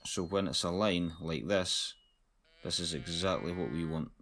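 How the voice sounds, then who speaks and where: A man giving casual, low-key commentary while playing a hunting game, thinking aloud. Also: a little slow, a bit bright. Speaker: gamer.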